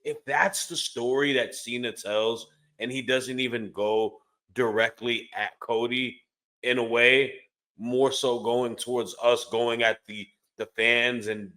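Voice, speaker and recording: Bright punchy guy on a wrestling podcast, earnest and emphatic, mid pitch. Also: rough recording. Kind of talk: casual fan discussion.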